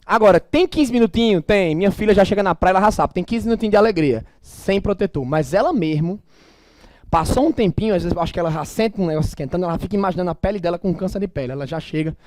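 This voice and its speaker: A middle-aged man with a Northeastern Brazilian accent, lecturing a class in an emphatic, animated, colloquial way with blunt asides. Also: sits high, racing, no room sound. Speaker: teacher.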